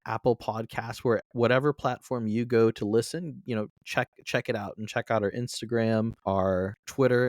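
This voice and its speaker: A man co-hosting a casual film podcast, easygoing and quick to laugh, often repeating words. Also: medium pitch, no room sound, clean studio sound. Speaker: podcast co-host.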